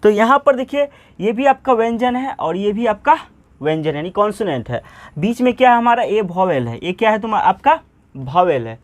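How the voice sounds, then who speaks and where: A man teaching pronunciation, asking questions and answering them himself, spelling words out slowly letter by letter. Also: sits high, very animated, no echo. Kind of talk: Hindi classroom-style lesson.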